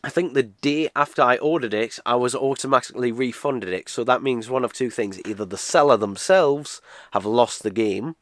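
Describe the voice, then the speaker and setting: With a mid-range voice at a moderate pace, a British man in his twenties, congested and nasal from a cold, meanders through a casual unboxing review of a game, full of uhs and restarts. There's no room sound.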